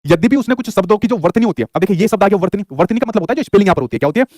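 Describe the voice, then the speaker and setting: A man's voice: high voice, expressive, darkish tone, no room sound, studio quality. A man teaching an exam-prep lesson, asking questions and answering them himself. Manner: rapid, repeats his own questions back to the viewer.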